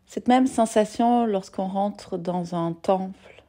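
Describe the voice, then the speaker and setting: A woman leads a yoga nidra meditation in a medium-pitched voice. Soothing and gentle, she speaks softly and lets long pauses hang.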